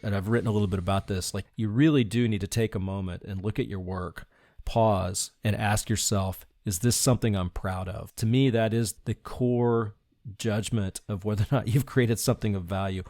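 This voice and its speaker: A man's voice: lowish voice, fairly even intonation, normal speed, darkish tone, no echo, clean studio sound. A middle-aged man speaking earnestly and reflectively in a conversational interview, now and then laughing lightly as he talks. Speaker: podcast guest, design leader.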